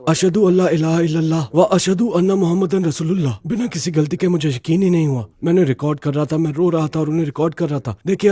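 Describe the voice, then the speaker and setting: As an interview guest, a middle-aged man with a fairly high, warm voice gives an earnest, heartfelt personal testimony. He frequently checks in with the listener as he speaks.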